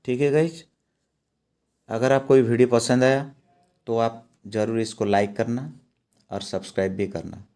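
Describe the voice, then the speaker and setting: A man's voice: medium pitch, steady tone, a little mellow. A man teaching a math lesson, going step by step and checking in with his students as he works. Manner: slow, repeats steps and checks in with "है ना".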